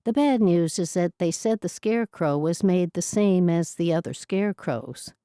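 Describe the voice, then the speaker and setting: A woman voicing a shaken, quietly brave young woman in an audiobook, in a plain, reassuring manner. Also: fairly low pitch, lively intonation, normal speed, clean tone, no echo, clean studio sound, lightly acted.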